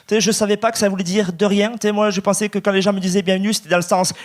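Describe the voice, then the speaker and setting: A man with a high voice tells a stand-up story, pausing before each punchline. He talks to the audience in a relaxed, confiding way. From immigrant to Quebec. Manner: storytelling, with timed pauses. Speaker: stand-up comedian. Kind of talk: stand-up routine.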